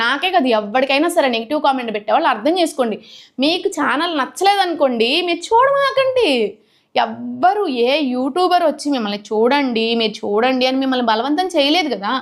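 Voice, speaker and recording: Middle-aged woman, high voice, cooking-channel vlogger, indignant and outspoken. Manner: indignant, rising to sharp outbursts. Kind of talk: emotional talk to camera.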